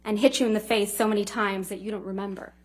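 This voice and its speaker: A woman's voice: mid-range voice, fairly even intonation, fast, slight background noise. Casting: female courtroom lawyer, cross examination style, pointed and clipped, leading questions.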